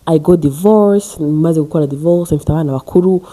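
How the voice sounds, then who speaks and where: A man's voice: fairly high pitch, a little fast, warm tone, natural voice. A woman voicing a wealthy older man who coaxes and reassures his young wife, in a told story. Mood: dismissive. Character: wealthy older man, smooth persuasive husband.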